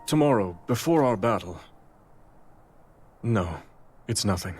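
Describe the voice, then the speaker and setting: An actor playing a wise king weighed down by his duty, speaking in a measured, reflective way. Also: lowish voice, lively intonation, a little mellow, slightly rough. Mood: gentle. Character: wise, burdened king of a fantasy realm. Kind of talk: video game cutscene acting. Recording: game cutscene with music behind.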